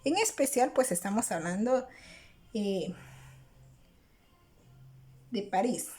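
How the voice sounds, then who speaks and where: A woman's voice: mid-range voice, animated, slow pace, darkish tone, soft background music. A woman teacher patiently explaining a grammar lesson, often checking in with the listener. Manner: patient, repeats "¿verdad?" to check understanding.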